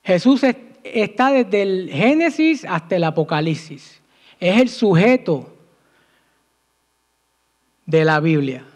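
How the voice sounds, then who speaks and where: A man preaching a sermon in church, asking the congregation questions and answering them himself, with emphatic swings in pitch and loudness. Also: expressive. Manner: slow, emphatic delivery with sudden rises and drops in pitch and loudness.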